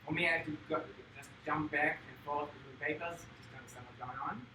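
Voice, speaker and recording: Israeli guy, slightly high voice, lots of uhs, tech meetup talk, noisy. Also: fairly even intonation, fast. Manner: hesitant, many filler sounds. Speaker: guest speaker. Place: meetup room. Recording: echoey room, distant mic, noisy.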